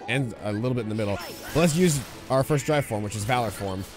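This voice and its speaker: A man's voice: medium pitch, fast, over music. A man casually commenting while he plays a video game on a live stream. He explains things as he goes and reads the game's text aloud.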